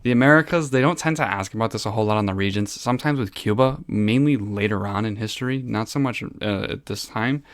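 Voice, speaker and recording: A man's voice: lowish voice, fast, hardly any pauses, no room sound. A male history teacher giving a casual, rambling exam review from his room at home, easily sidetracked and poking fun at himself. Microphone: desk microphone.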